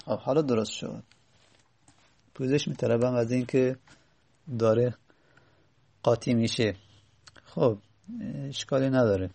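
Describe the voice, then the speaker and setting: Guy teaching grammar, gravelly voice, says each word form over and over, fixes his own slips. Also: mid-range voice, fairly even intonation, warm tone. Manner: slow, repeats and spells out word forms, corrects himself aloud. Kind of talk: spoken grammar lesson.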